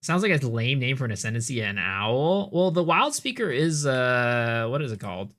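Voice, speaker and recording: A game streamer, a man, chats through a live reaction with a bright, forceful tone. He gets animated and trips over his words, repeating them as he reacts. His speech stays casual and conversational. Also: mid-range voice, normal speed. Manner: animated, stammers and repeats words when excited.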